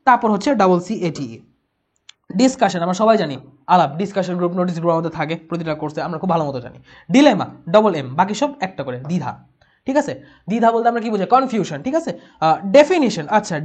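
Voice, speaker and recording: A young woman teaching an online exam-prep lesson, explaining quickly, repeating key words and spelling them out. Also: mid-range voice, a little mellow.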